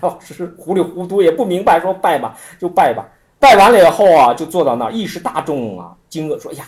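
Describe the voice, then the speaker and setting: A man giving an informal Buddhist teaching talk, telling stories in an animated way with many repetitions. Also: fairly high pitch, fast. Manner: animated storytelling with frequent repetitions and acted-out quotes.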